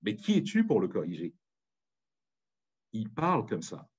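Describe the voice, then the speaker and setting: A man's voice: on the low side, huge pitch swings, measured pace, breathy edge, highs cut off. A man with a Parisian accent giving an impassioned, emphatic public talk. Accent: Parisian French. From France. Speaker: speaker. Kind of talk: public talk on language and community.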